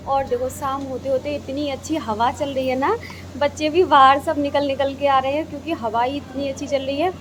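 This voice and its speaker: Chatty young woman vlogging, noisy audio. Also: on the high side. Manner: chatty, repeats herself for emphasis. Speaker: family vlogger. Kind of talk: casual vlog narration. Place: rural home with cattle yard and kitchen.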